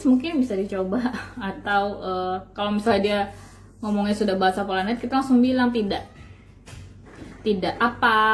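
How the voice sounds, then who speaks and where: A woman's voice: mid-range voice, a little mellow, slight background noise. A woman from Indonesia hosts a parenting channel, explaining child development tests in a chatty, loose way and often acting out examples. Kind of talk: casual instructional talk.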